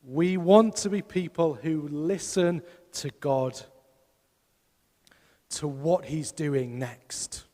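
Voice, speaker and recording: Preaching slowly with a warm, fairly high voice, this pastor delivers an emphatic sermon in a church hall and poses rhetorical questions to the congregation. A long reverb tail trails his words.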